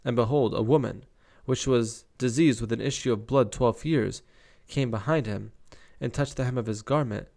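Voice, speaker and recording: A man's voice: mid-range voice, moderate pace, creaky, few pauses, mellow. A young man reading Bible verses aloud and breaking off to comment casually on them. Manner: reads scripture aloud, stops to comment casually.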